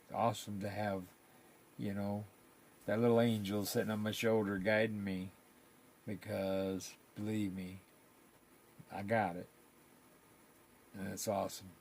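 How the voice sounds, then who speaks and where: A man's voice: fairly low pitch, level tone, measured pace, pauses often, a little mellow, slight background noise. An older man, chatting casually and rambling in folksy, colloquial talk on his live stream.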